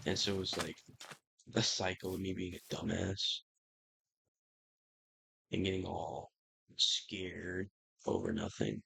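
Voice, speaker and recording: A man's voice: low voice, expressive, takes it slowly, creaky, pauses often, pushed and bright, husky, rough recording. A young man chatting casually and rambling over his gameplay, swearing now and then. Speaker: gaming YouTuber. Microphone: computer microphone.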